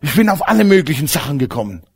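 Male preacher, humorous lively sermon style, expressive pitch, slightly high voice. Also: fast, gravelly, breathy edge. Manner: animated, jokes with the congregation, swings from loud to hushed.

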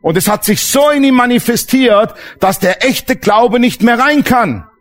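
Emphatic high-voiced man preaching. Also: animated, a little slow. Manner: emphatic, asks the congregation questions. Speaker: pastor. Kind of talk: sermon.

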